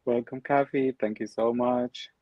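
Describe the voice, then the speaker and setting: Presenting his art project in an online slide talk, this guest speaker, a native Arabic speaker, often says um and restarts his sentences. He has a mid-range voice with a steady tone and a measured pace, captured in dry, dull lo-fi audio.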